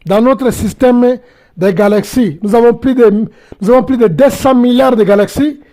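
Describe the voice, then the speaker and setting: A male Bible teacher delivering a sermon with a high, mellow voice. He pauses often and repeats key phrases as he explains them. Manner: hesitant, many pauses and repetitions.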